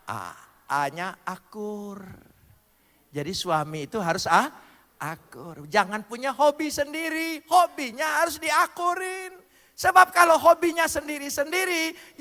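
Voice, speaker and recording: A male pastor preaching a sermon with animated, playful delivery, spelling out words letter by letter and swinging between loud and soft. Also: extremely high pitch, long reverb tail. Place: church hall.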